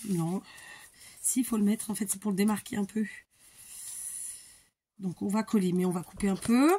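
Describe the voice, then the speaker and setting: A woman's voice: medium pitch, steady tone, moderate pace, mellow, slightly rough. A woman hosting a crafting tutorial, chatting casually and thinking aloud, muttering to herself as she works.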